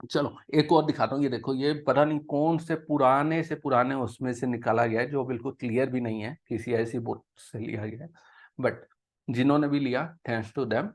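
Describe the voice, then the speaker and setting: A man giving a devotional talk to viewers, coaxing them with repeated rhetorical questions, mixing English words into Hindi and slowly chanting Sanskrit verses. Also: medium pitch. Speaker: devotional speaker.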